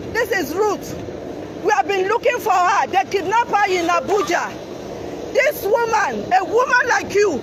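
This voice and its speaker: A woman evangelist live-streaming on a phone outdoors, shouting and repeating herself in an agitated way. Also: very high voice. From Nigeria. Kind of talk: live-streamed street confrontation. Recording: loud street noise from vehicles.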